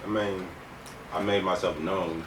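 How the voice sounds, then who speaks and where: A man's voice: sits low, fairly even intonation, measured pace. A young man in casual chat as co-host of a couple's video, blunt and slangy, repeating himself for emphasis. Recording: echoey room, distant mic, clear background noise.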